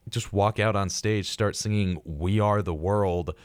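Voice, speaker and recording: A young man co-hosting a podcast, telling stories in casual chat, getting animated and higher when excited. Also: unhurried, clean tone, no echo. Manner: animated storytelling, rises in pitch when excited. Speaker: podcast co-host.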